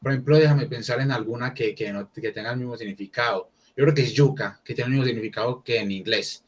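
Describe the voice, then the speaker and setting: A man's voice: mid-range voice, fast talker. A man teaching an English class online, talking casually and thinking aloud with many restarts.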